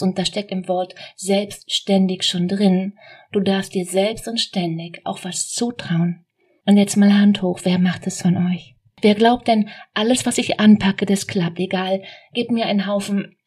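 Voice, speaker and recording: A woman's voice: medium pitch, a little mellow, slightly rough. A woman hosting a motivational business podcast, talking straight to the listener in a direct coaching manner full of rhetorical questions.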